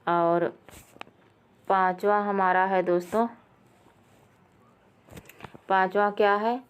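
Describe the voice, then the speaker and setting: Woman teacher with a clear, resonant voice, walking through quiz answers in a chatty, self-correcting way. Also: mid-range voice, fairly even intonation, extremely slow. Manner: addresses viewers as friends, with fillers and self-corrections. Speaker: Sanskrit exam teacher. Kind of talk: quiz lesson explaining answers.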